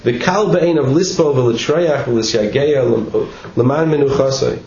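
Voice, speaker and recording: A man speaks a little slowly in a creaky, slightly mellow, medium-pitched voice as he gives a Torah class. Reading passages and explaining them informally, he repeats words and asks "right?" frequently, with dull lo-fi sound, faint noise, and echo from the room.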